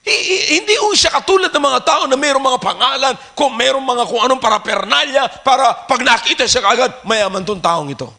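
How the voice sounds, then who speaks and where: A man preaching with fire, his voice pitched very high and bright, with a gravelly rasp. He slides between Tagalog and English and keeps breaking into shouts on key Bible words. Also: fairly quick, hardly any pauses. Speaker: pastor. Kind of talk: fiery sermon. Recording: old church recording.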